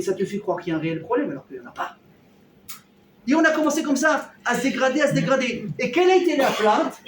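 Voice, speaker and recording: A man teaching a lively Torah class to a live audience, acting out everyday dialogues and firing questions at his listeners. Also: high-pitched. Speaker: rabbi teaching a weekly class. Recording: roomy hall, mic at a distance, faint noise.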